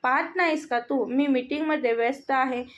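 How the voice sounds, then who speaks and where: A woman's voice: sits high, moderate pace, lightly acted. A woman voicing an arrogant, short-tempered young businessman, speaking in a harsh, commanding way. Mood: harsh, irritated. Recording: dull lo-fi audio.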